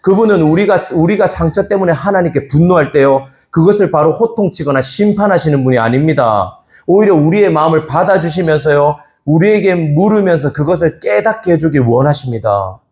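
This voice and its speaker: Lively-toned male pastor preaching. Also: fairly high pitch, a little fast. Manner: animated preaching, asks the congregation questions. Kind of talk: sermon.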